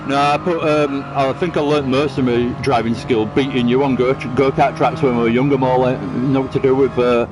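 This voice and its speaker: Playing a racing game on a live stream, this man keeps up brisk, chatty commentary with few pauses, often laughing and teasing his friends. His medium-pitched voice stays steady, with music and background noise behind him.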